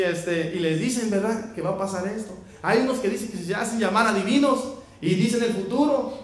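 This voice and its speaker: A man preaching a sermon, speaking conversationally and calling the congregation brothers. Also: extremely high pitch. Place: church. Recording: very echoey church hall.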